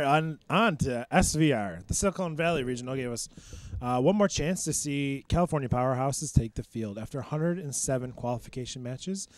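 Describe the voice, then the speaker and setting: A young man co-hosting a podcast, reading results with fillers and quick reactions. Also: mid-range voice, a little mellow. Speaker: co-host. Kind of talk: podcast rankings recap.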